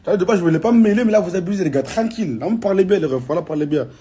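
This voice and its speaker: A man's voice: sits high, animated, racing, warm tone, breathy edge. A man with a Marseille French accent, talking in casual slangy chat and teasing a friend with mock warnings. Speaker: vlogger.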